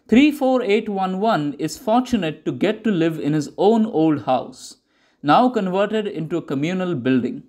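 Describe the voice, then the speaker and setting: This scripted newsreel documentary is narrated by a man whose voice sits high. He delivers steady, declarative statements in the style of official propaganda, and his sound is slightly mellow.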